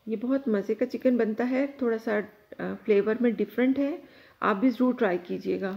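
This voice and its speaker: A woman hosting her own cooking channel, calmly explaining each step of a recipe to viewers from her home kitchen. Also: a little high, normal speed, vocal fry, dull audio. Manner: calm, instructive, addresses viewers directly.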